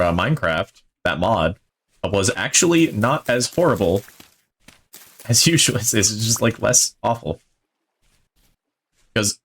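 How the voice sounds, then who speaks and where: A man's voice: on the low side, fairly bright tone. A male streamer giving casual, chatty gameplay commentary, rambling and thinking aloud, enthusiastic about what he plays.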